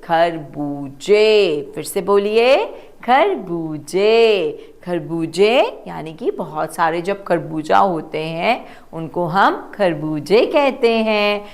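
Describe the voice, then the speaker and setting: Very slow Hindi-style teacher woman. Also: lowish voice, lively intonation. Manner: slow, drawn-out syllable-by-syllable pronunciation. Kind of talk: children's reading lesson.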